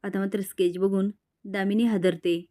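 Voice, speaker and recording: Woman narrator, plain even storytelling of a serial recap. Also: medium pitch, normal speed.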